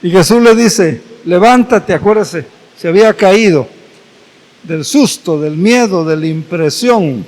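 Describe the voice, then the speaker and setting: A man pastor preaching a sermon, retelling scripture slowly and dramatically with repeated phrases. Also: sits high, lively intonation, a little mellow. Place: church hall. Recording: echoey church hall.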